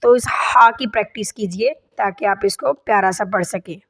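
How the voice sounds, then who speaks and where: A female Quran teacher with a mid-range, slightly bright voice gives a tajweed lesson. She corrects mistakes patiently, one step at a time, and recites in a slow, drawn-out chant.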